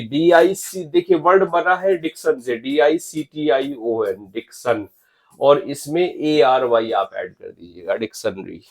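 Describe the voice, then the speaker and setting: A man's voice: medium pitch, darkish tone. A man teaching English spelling for exams, spelling words letter by letter and urging viewers to comment. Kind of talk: exam-prep spelling lecture.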